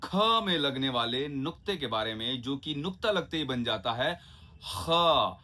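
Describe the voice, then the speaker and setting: Teaching Hindi diction, a man with a mid-range voice and a bright, forceful tone speaks with lively intonation. He stretches out every example word, pronouncing each carefully, and keeps things conversational with frequent "ठीक है?" and "है ना?" checks.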